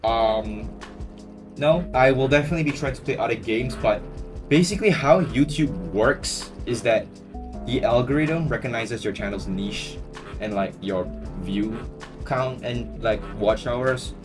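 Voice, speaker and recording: Answering viewer questions in a relaxed Q&A, a young YouTuber from Singapore speaks at a middle pitch and an unhurried pace. He meanders and jokes, full of slang and fillers, while plucked guitar music plays clearly in the background.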